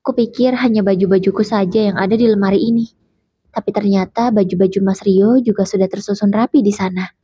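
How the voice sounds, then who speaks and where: A woman narrating a first-person story in a calm, measured way. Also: medium pitch, slightly rough. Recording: dull lo-fi recording.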